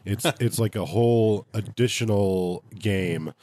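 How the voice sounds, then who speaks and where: Deep, nasal, congested male podcaster. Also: takes it slowly, darkish tone, slight background noise. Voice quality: nasal, stuffed-up voice. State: congested from a cold. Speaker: podcast host. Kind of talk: casual podcast review talk.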